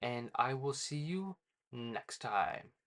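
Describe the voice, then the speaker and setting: A man hosting his own channel, casually retelling a manga chapter, full of fillers and quick quoted lines. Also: medium pitch, animated, a bit bright. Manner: loose, filler-heavy retelling with quoted dialogue. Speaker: manga reviewer. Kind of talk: casual recap.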